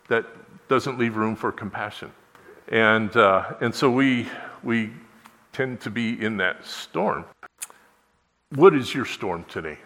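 Bright-voiced preacher in a ringing hall. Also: male voice, on the low side. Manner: conversational, asks the congregation rhetorical questions. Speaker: pastor. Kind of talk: sermon.

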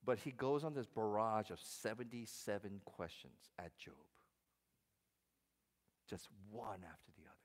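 A man preaches a sermon to his congregation, his voice sitting a little low. He swings from loud, animated exclamations to hushed quoted lines. The sound rings with the long reverb of a large hall. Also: a little slow. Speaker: pastor.

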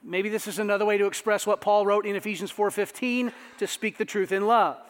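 A man preaching a sermon as pastor, conversational and animated, with asides to the congregation. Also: high voice, a little fast, clear, resonant tone. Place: church sanctuary. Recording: long reverb of a church hall.

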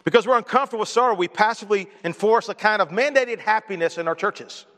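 A male pastor preaching a sermon with earnest conviction, his voice swelling loud on key points and dropping soft on lines about grief. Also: high-pitched, fast, in a large hall. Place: church sanctuary.

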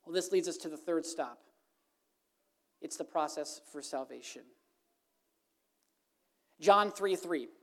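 A woman preaching an evangelistic sermon, earnest, swinging from emphatic lines to hushed, soft ones. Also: low-pitched, slow, pauses often.

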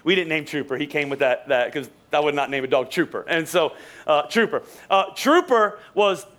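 A man's voice: on the high side, lively intonation, normal speed, a bit bright. A young male pastor telling a joking, sarcastic story during his sermon, with many restarts and asides to the congregation. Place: church sanctuary.

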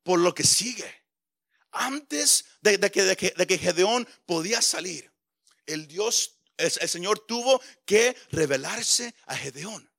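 Man, pastor, impassioned sermon, bright gravelly voice. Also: high voice, lively intonation, slow. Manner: impassioned preaching with frequent stammered repeats.

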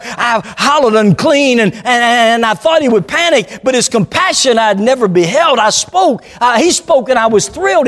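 A man voicing a leper who has just been healed, telling it in slow, solemn first person. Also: very high-pitched. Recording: long hall reverb.

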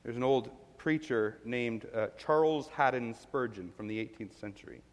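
A man's voice: medium pitch, moderate pace. Man preaching in a reverberant hall. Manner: earnest, explains word meanings, asks listeners questions. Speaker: pastor. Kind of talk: sermon. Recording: long reverb of a large hall.

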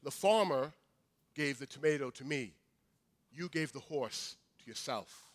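A man voicing a wise, quietly firm king in a sermon story, speaking low and measured. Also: expressive. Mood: calm.

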